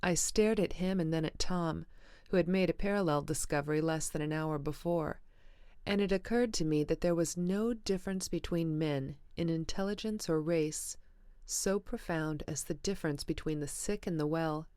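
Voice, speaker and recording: A woman reading an audiobook in a measured, even way. Her voice sits low and smooth, and the recording is dry and close. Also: dry recording. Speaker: audiobook narrator. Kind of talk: audiobook narration.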